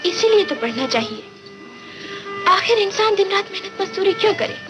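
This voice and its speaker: A woman's voice: extremely high pitch, big pitch swings, moderate pace, dull audio, over music. An actress playing an earnest young woman who teaches adults to read, speaking in an instructive way.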